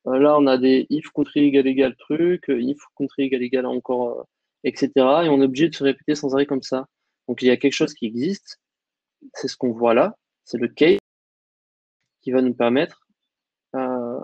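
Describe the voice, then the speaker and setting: A man teaching a coding lesson over a screen share, explaining in a relaxed way with lots of fillers. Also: mid-range voice, moderate pace, vocal fry, long pauses, no room sound, dull audio. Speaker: coding instructor.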